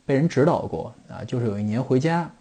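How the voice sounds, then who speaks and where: A man's voice: medium pitch, expressive, fast talker, warm tone. A middle-aged man from China hosting a football podcast, explaining things in a rambling monologue full of fillers and restarts.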